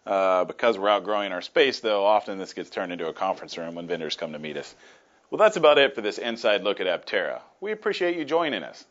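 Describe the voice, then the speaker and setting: This tour guide has a low, slightly bright voice with big pitch swings, and he talks fast. He walks people through the company's indoor workshop and offices in a friendly, plain-spoken, casual way, filling gaps with lots of fillers. The audio is dull.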